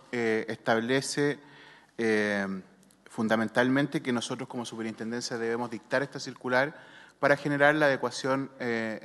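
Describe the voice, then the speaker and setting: Chilean official walking through regulations, lots of ehs, roomy hall sound. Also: male voice, mid-range voice, fairly bright tone. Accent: Chilean Spanish. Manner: measured, frequent hesitations. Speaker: health superintendent. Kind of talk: official technical explanation. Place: senate committee room. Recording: long reverb in a hall.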